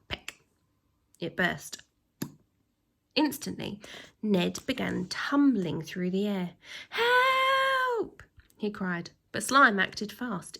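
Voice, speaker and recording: Teacher-like, a woman reads a children's story in a medium-pitched, creaky voice, drawing out her emphasis expressively and acting out sounds.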